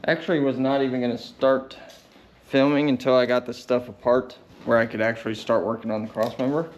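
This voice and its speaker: A medium-pitched man speaks a little fast with little pitch movement. He's a DIY truck mechanic and welder vlogging casually, showing his work in plain, unscripted, laid-back talk.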